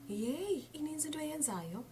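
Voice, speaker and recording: A South African woman with a Xhosa accent hosting a radio interview, lively and switching between English and Xhosa. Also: high voice, normal speed, noisy background. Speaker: radio host. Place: radio studio.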